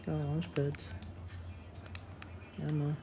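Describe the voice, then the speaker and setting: A man's voice: fairly high pitch, little pitch movement, extremely slow. A young man chatting casually over a video game in short, slangy, teasing call-outs. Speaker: gamer. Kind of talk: casual chat while playing a video game. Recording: clear background noise.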